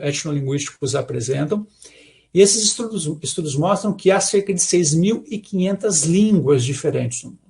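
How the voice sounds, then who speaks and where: A Brazilian man with a high voice and a gravelly edge gives an academic talk. He explains step by step in a Brazilian Portuguese accent and often checks in with his listeners at the end of a point. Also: a little mellow. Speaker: lecturer.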